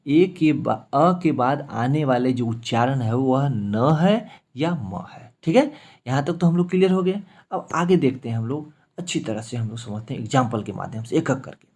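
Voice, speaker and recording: In a husky, darkish, mid-range voice, a man leads an English spelling lesson at a moderate pace, expressive as he explains each step and spells names letter by letter. He regularly checks in with students, repeating "ठीक है" and "मेरे साथियों".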